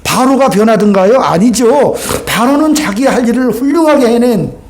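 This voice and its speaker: A man's voice: very high voice, moderate pace, slight background noise. A male pastor preaching a sermon, acting out dialogue and asking the congregation questions. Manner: animated, acts out dialogue, asks the congregation questions. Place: church sanctuary.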